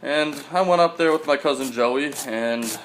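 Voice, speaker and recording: A man's voice: mid-range voice, normal speed, fairly bright tone, a little hiss or hum, rough recording. A man chatting casually and profanely to viewers, talking with a pinch of dipping tobacco in his lip. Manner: profane, laid-back party-guy talk. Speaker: vlogger reviewing dipping tobacco. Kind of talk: casual rambling chat to viewers.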